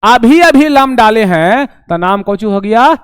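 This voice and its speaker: A young man teaching an online class, animated and acting out his students' questions. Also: very high-pitched, a little slow, smooth, dry recording, studio quality.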